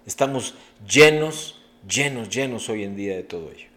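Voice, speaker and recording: A man's voice: on the low side, expressive, moderate pace, fairly bright tone. A middle-aged man preaching a sermon as a pastor, earnest and preacherly, with sudden emphatic rises.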